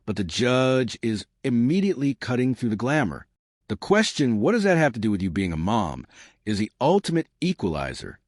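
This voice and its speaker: A man's voice: medium pitch, very animated, normal speed, no echo, clean studio sound. A man narrating a scripted commentary with dramatic rhetorical questions.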